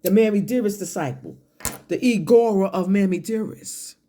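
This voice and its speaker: This confrontational, profane online rant comes in a dark-toned, medium-pitched voice at normal speed, each word stretched out emphatically. Between phrases the speaker sips a drink, coughs and clears their throat.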